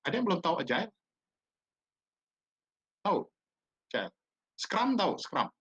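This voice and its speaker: A man's voice: on the high side, sing-song, normal speed, a bit bright, husky. A man with a slight tinge giving a casual online university lecture, chatty and teasing, often quizzing his students.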